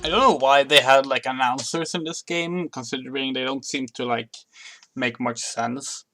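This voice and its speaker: A man's voice: mid-range voice, moderate pace, pushed and bright, faint music behind. A man giving casual, musing gameplay commentary with a mild grumble, faint game sounds behind him. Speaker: gaming commentator.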